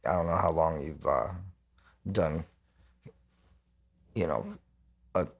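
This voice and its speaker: A man's voice: a bass voice, slow, gravelly. A man hosting a podcast, talking in a laid-back casual way with lots of "you know" fillers. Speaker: podcast host. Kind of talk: casual chat.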